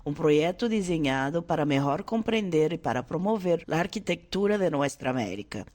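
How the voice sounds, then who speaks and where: An announcer reading the podcast's scripted opening in a formal, steady way. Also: mid-range voice. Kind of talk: scripted bilingual show opening.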